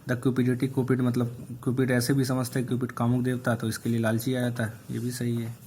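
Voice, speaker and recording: A male English teacher going through exam questions one by one, reading each aloud slowly and explaining the answers. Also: medium pitch, completely flat delivery, darkish tone, a little hiss or hum. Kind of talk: online exam answer review.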